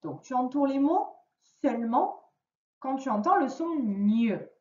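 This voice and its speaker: A woman teaching a young child to read in a remote lesson, giving patient, clearly articulated instructions. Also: high voice, lively intonation, a little slow, warm tone. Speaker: primary school teacher. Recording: roomy, distant, dull lo-fi sound.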